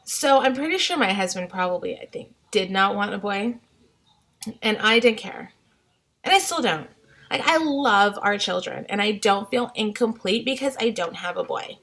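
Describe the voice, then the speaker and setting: A woman's voice: mid-range voice, expressive, normal speed, a bit bright. A young woman and mother talking casually at home, rambling and unguarded with lots of "like" fillers. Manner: chatty and unguarded, many "like" fillers. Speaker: vlogger, mother of three. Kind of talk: casual rambling vlog rant. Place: home, somewhere with mild winters.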